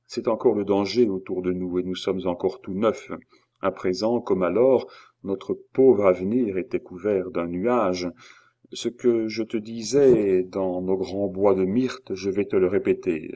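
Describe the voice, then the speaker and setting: A man's voice: low-pitched, mellow, highs cut off. A man voicing an earnest young husband. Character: earnest young engraver, devoted loving husband.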